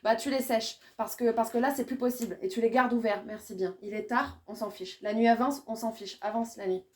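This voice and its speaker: A poet, a woman, giving a live reading of her poetry in a rhythmic, repetitive way, her voice swinging from loud bursts to hushed lines. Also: a little high, steady tone, fairly quick. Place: small indoor venue.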